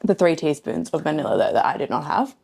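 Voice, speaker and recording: Playful woman chatting thru a cooking demo in her kitchen, lowish voice, jokey and bubbly. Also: big pitch swings, fast talker, creaky, darkish tone. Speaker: cooking show host. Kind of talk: casual cooking demo chat.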